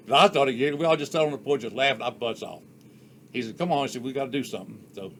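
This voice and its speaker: An older man spins childhood yarns in a relaxed, folksy way. His voice sits in a middle pitch, with faint ambient noise behind him. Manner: folksy, unhurried yarn-spinning with rural Southern US speech. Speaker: storyteller. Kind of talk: casual storytelling.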